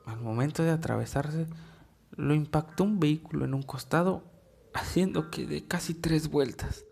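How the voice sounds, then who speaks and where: A man narrating a first-person horror story in a measured, deliberate way with dramatic pauses. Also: on the high side, creaky, a little mellow, slight background noise.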